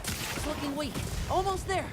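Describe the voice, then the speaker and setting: An actor playing a game companion who calls out urgent battle updates. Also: male voice, extremely high pitch, normal speed. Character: game companion calling out the hunt. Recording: game audio under loud music.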